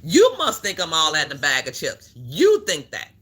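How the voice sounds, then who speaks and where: An adult speaker of unstated sex hosting a casual livestream, animated and repetitive, calling people out and talking back over a video they play. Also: medium pitch, normal speed, breathy edge. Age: adult who works a job. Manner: animated, repeats phrases, calls people out. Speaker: livestream host. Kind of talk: casual live-stream commentary.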